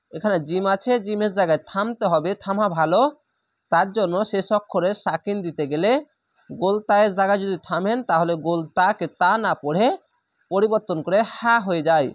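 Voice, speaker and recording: A man teaching Quran reading step by step. He draws each Arabic word out slowly, says it twice, then patiently explains how to pronounce it. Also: high voice, no echo. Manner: stretches Arabic words slowly, then explains the rules plainly. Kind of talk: step-by-step recitation lesson.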